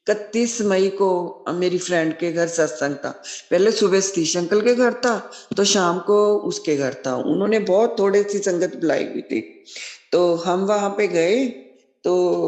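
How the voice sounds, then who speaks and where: A woman's voice: fairly low pitch, slow. A middle-aged woman sharing a devotional testimony as spoken storytelling, acting out quoted dialogue and repeating devotional refrains. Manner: animated storyteller who acts out quoted dialogue. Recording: echoey room.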